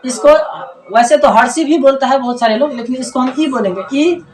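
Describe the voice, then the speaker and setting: A woman teacher with a high voice runs a patient pronunciation lesson and goes over each word several times. She keeps stopping to check that her listeners follow. The sound bounces around an echoey room. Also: brisk, a little hiss or hum.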